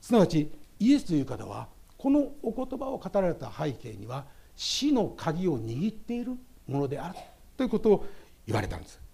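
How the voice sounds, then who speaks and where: A man from Japan preaches a memorial service sermon as pastor, speaking emphatically and calling out to the congregation again and again. His voice sits fairly high, swings widely in pitch and sounds mellow and husky. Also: wildly swooping pitch, moderate pace.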